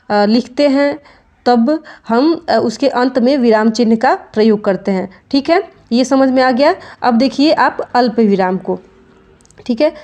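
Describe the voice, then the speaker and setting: Woman teacher with a higher voice. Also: darkish tone. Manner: explains step by step, often checks with "thik hai". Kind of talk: Hindi grammar lesson.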